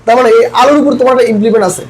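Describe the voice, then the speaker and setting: High-pitched fast Bangladeshi tutor. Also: male voice, steady tone, rough recording. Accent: Bangladeshi Bengali. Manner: questioning, repeats points, addresses students as brothers. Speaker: admission coaching lecturer. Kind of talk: online English grammar lesson. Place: his room, teaching an online class.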